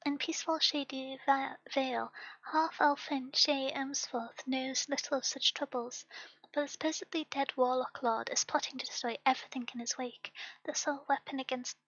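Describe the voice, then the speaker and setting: A woman's voice: high-pitched, steady tone, normal speed, fairly bright tone, no room sound, dull audio. A woman hosting a book club livestream, talking casually with many fillers and a slight lisp. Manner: hesitant, many fillers, reading content warnings aloud. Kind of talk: casual live-stream chat.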